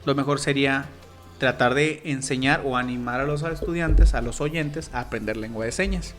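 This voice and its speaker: A man's voice: medium pitch, moderate pace, fairly bright tone, soft background music. Patient Mexican man explaining. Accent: Mexican Spanish. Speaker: sign language interpreter guest. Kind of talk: casual interview talk.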